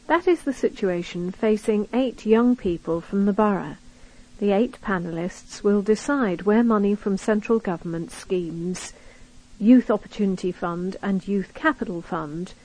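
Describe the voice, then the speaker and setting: A woman's voice: mid-range voice, mellow, rough recording. A British woman reading magazine news articles aloud as scripted narration for a recording. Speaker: reader of a recorded local magazine.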